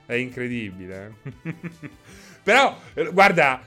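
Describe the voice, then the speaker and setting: A chatty man live-streaming and answering his chat by name, laughing often. His voice is bright and forward, with a very lively pitch that jumps around as he talks. Faint music plays behind him. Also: slow pace.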